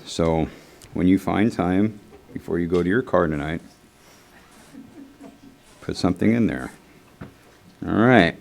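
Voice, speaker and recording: A man with a low voice chairs a group meeting. He reads the announcements in a steady, practiced way, then breaks into offhand, casual asides. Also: measured pace, gravelly, pauses often.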